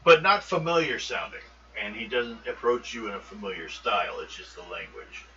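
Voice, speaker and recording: Lively game master, distant noisy mic. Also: male voice, fairly low pitch, normal speed. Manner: lively, loose delivery with frequent ums. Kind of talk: narrating a tabletop game. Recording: muffled, distant mic with steady noise.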